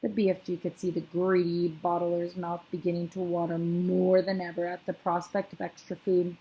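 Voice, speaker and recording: A woman's voice: on the low side, moderate pace, lo-fi sound. Woman reading a storybook aloud. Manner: steady reading with small slips. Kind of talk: reading a children's book aloud.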